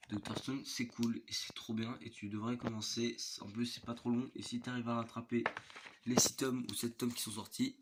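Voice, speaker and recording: A young man with a congested, blocked-nose sound from a cold, chatting casually as he shows his manga collection in a vlog. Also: on the low side. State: has a cold with a stuffy nose. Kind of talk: casual vlog chat, rambling collection tour. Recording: noisy amateur home recording with clicks.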